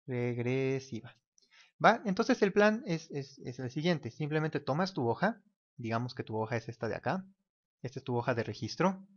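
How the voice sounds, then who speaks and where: A man giving a casual whiteboard lesson, talking while he draws and mimicking a ticking clock. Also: medium pitch. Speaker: teacher. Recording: dull lo-fi recording.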